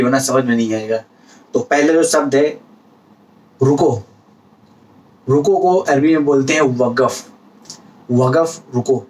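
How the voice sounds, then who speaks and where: A man's voice: medium pitch, darkish tone, recorded from a distance, low-quality recording. A man giving a casual spoken lesson, explaining words patiently with repetition and everyday examples. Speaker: language teacher vlogger.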